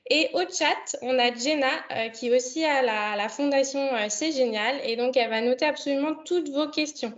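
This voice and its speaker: A woman's voice: high voice, normal speed, few pauses, muffled recording. A young woman hosting an online video conference, speaking hesitantly with many fillers. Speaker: online event host. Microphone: computer mic on a video call.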